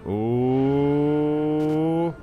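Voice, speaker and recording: A man's voice: on the high side, drawn-out words, phone-quality sound. A man giving casual let's play commentary, thinking aloud and exclaiming as he reacts to the game. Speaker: let's player. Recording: game music behind commentary.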